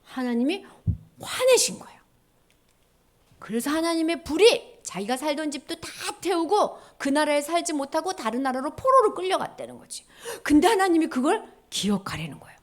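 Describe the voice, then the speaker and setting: A woman preacher giving a children's sermon, animated storytelling in simple words, asking the listeners questions. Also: sits high, moderate pace.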